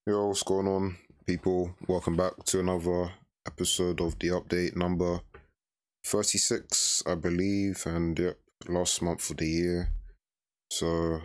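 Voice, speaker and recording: A male podcast co-host. His voice is deep and stays very level as he chats casually. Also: level tone, measured pace.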